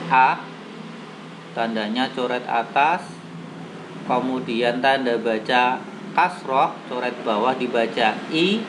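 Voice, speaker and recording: A man teaching a Quran reading lesson, explaining patiently and chanting the verses in a melodic recitation. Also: medium pitch. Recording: audible background noise.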